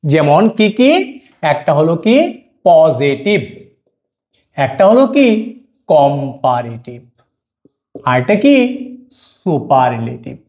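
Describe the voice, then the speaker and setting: A man teaching a grammar lesson. He asks a question and then answers it himself, and he says the example words slowly. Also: on the high side, animated, a little mellow. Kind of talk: classroom lesson.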